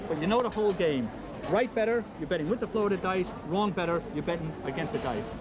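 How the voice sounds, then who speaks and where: In an instructional video heard from a worn VHS copy, a man patiently drills craps odds, checking in with "okay?" His high, lively voice moves fast. Music plays underneath amid a noisy background.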